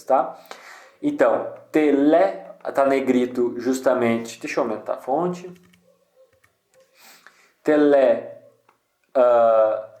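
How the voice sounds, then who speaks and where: Relaxed man explaining, echoey room. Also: medium pitch. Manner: relaxed, thinking aloud with many restarts and "né?". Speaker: poetry channel host. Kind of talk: casual screen-share tutorial.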